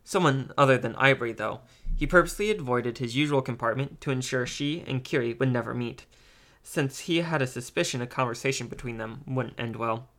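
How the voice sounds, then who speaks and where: Halting amateur audiobook narrator, a man. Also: medium pitch, fairly bright tone. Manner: halting, with ums and self-corrections. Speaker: audiobook reader.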